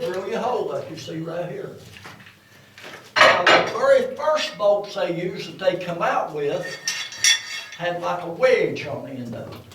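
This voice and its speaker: High-voiced, folksy Appalachian old-timer guide. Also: male voice, a bit bright. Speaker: coal mine tour guide, former miner. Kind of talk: informal guided tour talk. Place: underground exhibition coal mine. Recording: echoey mine tunnel, distant mic, faint noise.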